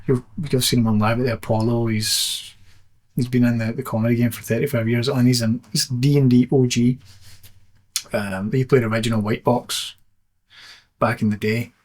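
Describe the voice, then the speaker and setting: A man's voice: medium pitch, darkish tone. A man who runs a live tabletop game, talking casually and often restarting his sentences. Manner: hesitant, repeats words at starts. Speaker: dungeon master of a live show. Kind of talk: casual interview chat.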